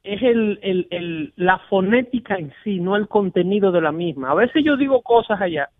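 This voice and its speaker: A man's voice: sits high, animated, normal speed, no echo. A man hosting a radio show in casual Spanish-language talk, emphatic and opinionated, acting out the callers he quotes. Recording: dry, narrow phone-like sound.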